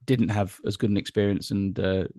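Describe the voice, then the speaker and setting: A man's voice: fairly low pitch, flat delivery, fairly quick, warm tone, no echo, studio quality. A middle-aged man, a guest entertainer chatting casually and telling anecdotes in an interview.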